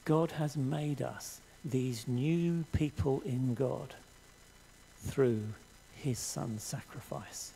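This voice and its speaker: An older man preaching a sermon in a church hall, earnest and measured, reading scripture aloud to the congregation. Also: mid-range voice, vocal fry, dark tone, a little hiss or hum. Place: church hall stage with audience.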